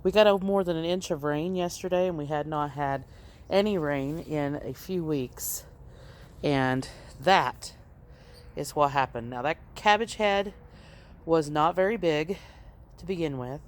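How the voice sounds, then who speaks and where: A woman leads a casual walk-through of an outdoor garden, her voice low and slightly congested as she recovers from an illness. She speaks plainly and unhurriedly with frequent ums, and there's a little hiss or hum in the audio.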